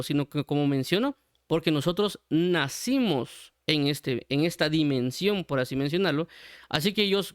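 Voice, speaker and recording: A Guatemalan man with a Guatemalan Spanish accent gives a sermon, explaining his points patiently and circling back to repeat them. His voice is smooth and resonant, sitting a little high for a man. The recording is dry and close, with no room sound. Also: dry recording. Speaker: Bible teacher.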